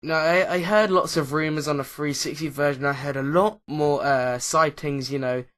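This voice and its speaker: A man's voice: a little high, steady tone, moderate pace, fairly bright tone. Man rambling through a gaming video. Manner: hesitant, lots of uh and um fillers; rambling, loses track mid-sentence. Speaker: YouTuber, Minecraft Let's Player. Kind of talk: casual commentary over gameplay.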